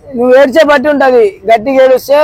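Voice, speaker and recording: A man's voice: very high voice, steady tone, fast, dry recording, poor audio. A young man with a Telangana Telugu accent pulling a prank, pushy and insistent, repeating himself. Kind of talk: prank conversation.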